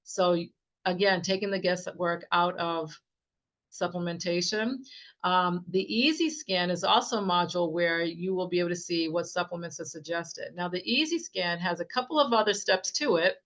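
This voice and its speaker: A woman giving a casual, enthusiastic software demo as a naturopath, with many fillers and restarts and a slightly strained voice. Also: fairly low pitch, normal speed. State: slightly losing her voice. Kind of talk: casual screen-share product demo. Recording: dull, muffled sound.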